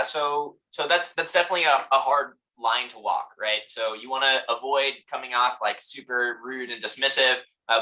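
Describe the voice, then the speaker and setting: A man's voice: medium pitch, rough recording. A man, a guest lecturer and debate coach, answering a workshop question at length with many "uh"s and "kind of"s. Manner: steady, fills with "uh" and "kind of". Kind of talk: explaining in a workshop Q&A.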